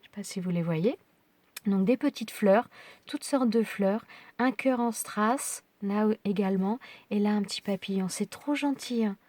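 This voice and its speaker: A middle-aged woman chats through her craft mail in a casual home vlog. Her voice is husky and sits at a middling pitch. She hesitates often and drops into soft whispers now and then. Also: measured pace, no echo. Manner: chatty, hesitant with fillers and small whispered asides. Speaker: craft vlogger. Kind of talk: casual unboxing chat.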